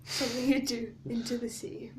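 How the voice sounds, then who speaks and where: A woman's voice: fairly high pitch, unhurried, noisy background. A woman in casual chat, bluntly questioning and challenging with open scepticism.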